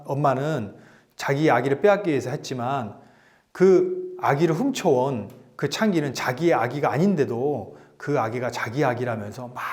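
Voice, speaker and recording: A man giving a lecture to elderly students, retelling a story with lively swings and frequent fillers. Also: a little high.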